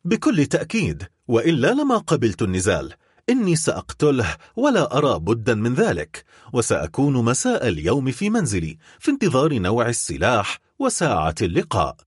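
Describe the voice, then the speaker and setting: A cold, vengeful nobleman with a husky, biting edge, as a man reads him. His sarcastic delivery swings widely in pitch, recorded close and dry. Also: huge pitch swings, a little fast, dry recording. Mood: cold bitter. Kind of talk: dramatic audiobook reading.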